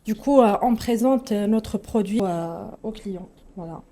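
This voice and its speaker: A woman from Morocco introduces her studies and her marketing job. Her voice is mellow and mid-pitched, and she speaks carefully, stopping often on fillers. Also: unhurried, a little hiss or hum. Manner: careful, hesitant with many fillers. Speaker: communication and marketing manager. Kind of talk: casual self-introduction. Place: kitchen showroom.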